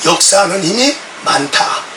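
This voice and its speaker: Middle-aged man preaching a fiery sermon, shouting at peaks, voice sitting very high, heard from across a reverberant sanctuary. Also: animated, moderate pace, noisy background. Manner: impassioned, shouts quoted words. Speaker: pastor. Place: church sanctuary. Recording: echoey church sound from a distant mic.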